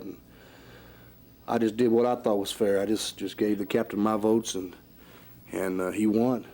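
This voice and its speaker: A male wrestler answering interview questions haltingly, often repeating his words. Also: lowish voice, warm tone. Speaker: wrestler guest.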